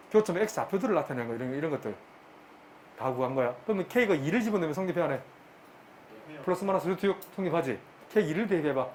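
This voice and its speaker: A middle-aged man lecturing a math class, brisk and bantering, often repeating his questions to the students. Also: sits high, a little mellow, a little hiss or hum. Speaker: math teacher.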